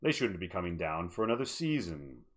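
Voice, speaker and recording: A man's voice: low-pitched, big pitch swings, fairly quick. A man playing a haughty, suspicious old bearded guardian of the woods in a tabletop game, speaking formally and accusingly. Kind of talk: tabletop role-play in character.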